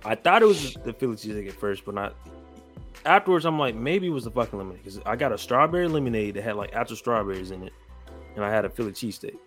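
A young man hosts a casual podcast, telling rambling stories and cursing as he goes. His pitch swings widely while he talks. Faint music plays underneath. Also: quick pace. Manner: rambling storyteller, swears freely, animated. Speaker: podcast host.

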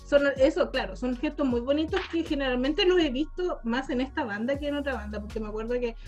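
A young woman with a Chilean accent, chatting casually as a podcast co-host, expressive and quick to joke. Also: high voice, faint music behind. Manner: chatty and expressive, laughing and joking along. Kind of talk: casual chat.

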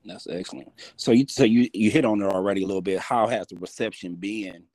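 A man's voice: fairly low pitch, darkish tone, dry recording. Male interviewer, upbeat and affirming, dry close sound. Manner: encouraging, affirming, quick questions. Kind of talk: casual interview.

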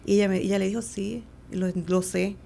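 A woman's voice: mid-range voice, fairly even intonation, brisk, gravelly, warm tone, slight background noise. A middle-aged woman, a guest in an interview, tells a personal story in conversation, acting out the quoted lines and using many fillers.

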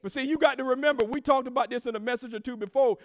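Racing through her sermon, a woman pastor preaches with emphatic, rousing energy and call-and-response. She swings between hushed asides and shouted, sing-song phrases directed at the congregation.

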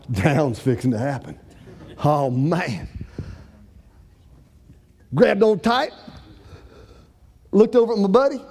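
Man, high-pitched voice, folksy storyteller, talks to a crowd. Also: expressive, drawn-out words, pauses often, slight background noise. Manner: folksy Southern-style storytelling, acts out shouts for help. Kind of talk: storytelling talk to an audience.

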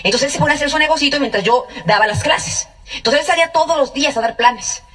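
High, fast, animated Mexican woman. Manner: animated, acts out quoted voices. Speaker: guest sharing a testimony. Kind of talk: lively storytelling to an audience. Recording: voice picked up from a distance.

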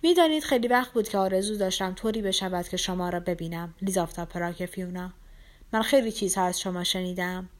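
A frail young man in a storybook reading, speaking low and hushed in a rough, near-whisper, as a woman reader plays him. He talks slowly and wearily. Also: close to an everyday voice. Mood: pleading. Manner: quiet and slow. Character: gravely ill young man, weak, hoarse and ironic. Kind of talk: audiobook character reading.

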